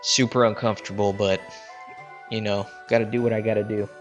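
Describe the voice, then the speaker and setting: A man's voice: on the low side, flat delivery, brisk, faint music behind. A man streaming a game, chatting casually and thinking aloud, his voice muffled as if talking into a cup through a cheap headset mic. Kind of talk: casual live commentary while playing.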